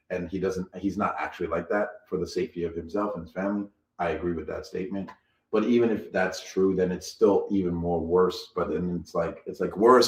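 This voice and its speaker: A man with a low-pitched voice co-hosts a casual live stream, talking in a loose, rambling way and circling back over his own phrases. He laughs easily. His voice carries an echo from the room around him. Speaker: co-host.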